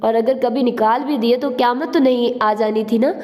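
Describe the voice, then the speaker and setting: A hotheaded young man demands answers and picks a fight, as a woman reads him. The voice sits a little high and mellow. A roomy reverb trails the lines. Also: fairly even intonation, normal speed, lightly acted. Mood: confrontational. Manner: challenging, confrontational. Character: touchy young man, quick to anger.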